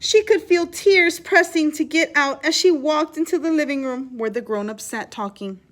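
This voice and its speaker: A teacher with a fairly high voice reads a children's storybook aloud at normal speed, her delivery expressive. Now and then she stops to explain something or put a question to her young listeners.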